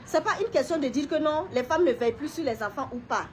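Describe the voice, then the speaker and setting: High-voiced woman giving halting testimony. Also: expressive, background noise. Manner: halting, repeats words, pauses and clears throat. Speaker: woman sharing a personal story. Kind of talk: emotional personal testimony to camera.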